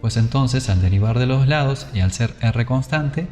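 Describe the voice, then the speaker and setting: Young male lecturer, mellow mid-pitched voice, chatty and explanatory. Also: lively intonation, normal speed, faint music behind. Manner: conversational, thinks aloud, checks in with "¿no?" and "¿sí?". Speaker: physics lecturer. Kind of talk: informal whiteboard lecture.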